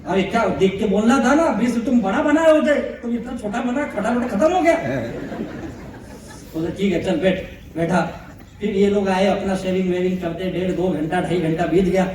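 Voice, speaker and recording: A man's voice: high-pitched, moderate pace. A man telling a comic story to a live audience as a motivational speaker, acting out the dialogue in it. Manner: animated, comic, acts out dialogue. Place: large hall with audience. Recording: echoey hall, distant mic, crowd noise.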